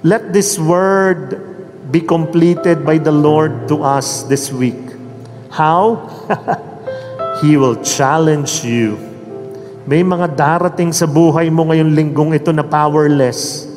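A high-voiced man preaches at an unhurried, deliberate pace, leaning on each phrase. His voice rings out in a large hall with a long reverb tail and soft music underneath. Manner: slow, emphatic preaching, mixing English and Filipino. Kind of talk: sermon with storytelling.

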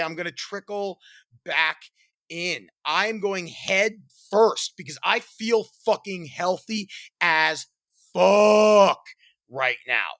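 A young man, a stand-up comedian, talking earnestly to camera, swinging between loud bursts and quiet reflection. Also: mid-range voice, dry recording. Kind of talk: reflective monologue.

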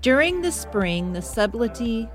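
A woman's voice: fairly high pitch, very animated, measured pace, over loud music. A woman podcast host and history teacher chatting casually in an outtake, recorded muffled under a blanket at home, laughing at her own slips.

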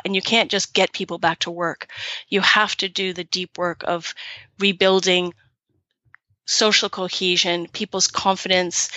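A woman's voice: lowish voice, sharp tone, no room sound, highs cut off. A middle-aged woman with an American accent, speaking earnestly and emphatically as an interview guest, with many fillers and restarts. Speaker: guest, activist. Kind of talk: interview conversation.

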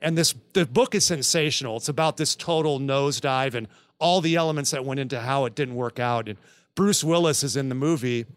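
A man's voice: medium pitch, fairly quick, no room sound, studio quality. A man co-hosting a podcast in casual chat, telling long rambling anecdotes. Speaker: podcast co-host.

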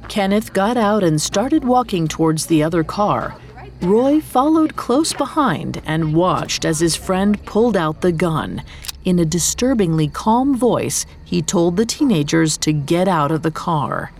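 A woman's voice: lowish voice, animated, a little slow, darkish tone, a little hiss or hum. Woman narrating true crime dramatically. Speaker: podcast narrator.

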